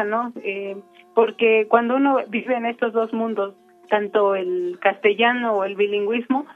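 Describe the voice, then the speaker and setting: Speaking slowly and pausing frequently, a Purépecha-speaking woman from Michoacán, Mexico, reflects on her own experiences as an interviewee. Her voice is a little high, and the audio comes across narrow and tinny.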